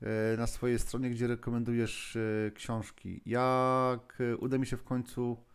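A man's voice: mid-range voice, level tone, a little slow, smooth. A man hosting a live-streamed lesson, thinking aloud with many fillers and restarts, chatting with viewers and moderators as he goes.

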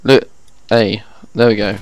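A man's voice: on the low side, flat delivery, a little slow, no echo. A young man casually commenting while playing a video game, chatting to his viewers. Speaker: gaming YouTuber. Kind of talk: casual let's-play commentary.

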